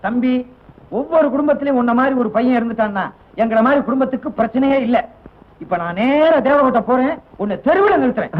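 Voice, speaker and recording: A brisk, joking older relative. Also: male voice, very high-pitched, lively intonation. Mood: jovial. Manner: fast, jovial and teasing. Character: brisk older male relative arranging a wedding. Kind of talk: 1980s film dialogue. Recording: tinny, narrow old film soundtrack.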